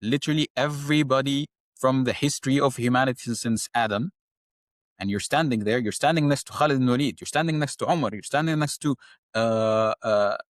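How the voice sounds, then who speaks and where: A man's voice: mid-range voice, fairly quick, dry recording, studio quality. A young man talking as a podcast guest, earnest and impassioned, often repeating words as he searches for the next one. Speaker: guest, engineer and science teacher. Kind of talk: conversational podcast talk on faith.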